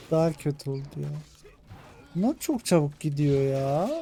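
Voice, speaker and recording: A gaming channel host with a Turkish accent gives let's play commentary on his own strategy game, muttering through his tactics and getting frustrated as attempts fail. His voice is fairly high with little pitch movement, a little slow and dark in tone, over slight background noise.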